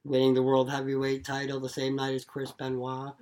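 A man's voice: medium pitch, monotone, a little fast, darkish tone, slight background noise. A man co-hosting a podcast in casual chat, talking things through. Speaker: podcast co-host.

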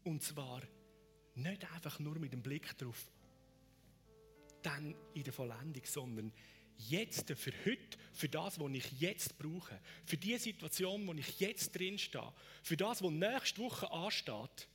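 A man preaching a sermon, moving between fervent raised appeals and hushed whispered prayers. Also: a little high, lively intonation, slow, soft background music. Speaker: pastor.

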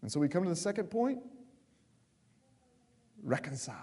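A man preaching a sermon with passion, stressing words slowly and then rushing through quick asides. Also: fairly high pitch, big pitch swings, warm tone, breathy edge. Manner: impassioned, emphatic, swings between slow stresses and quick asides. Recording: long hall reverb.

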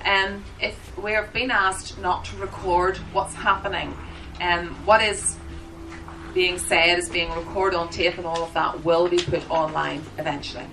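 A woman working as an interpreter, voicing a seminar introduction in short, halting phrases as she addresses a room. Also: lowish voice, steady tone. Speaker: sign language interpreter voicing the signers. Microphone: microphone at the front of the room. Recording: distant microphone, noticeable background noise.

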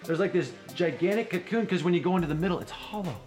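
A man's voice: high-pitched, fast talker, a little mellow. A man telling a rambling, improvised story in a casual way, with filler words. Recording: roomy echo, faint music.

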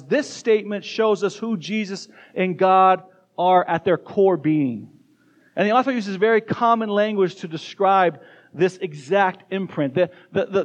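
High-voiced man preaching with energy. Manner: energetic, addresses kids and congregation directly, quick bursts. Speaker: pastor. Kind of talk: sermon. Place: church sanctuary.

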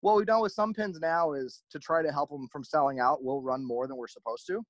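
Guy who runs a merch brand, talks super fast, acts out all the convo bits in his stories. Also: fairly high pitch, no echo, muffled recording. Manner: animated, acts out quoted exchanges. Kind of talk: casual interview storytelling.

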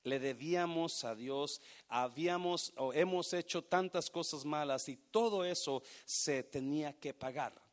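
A man preaching a sermon, swinging from hushed, drawn-out phrases to loud, emphatic bursts. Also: a little high. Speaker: pastor.

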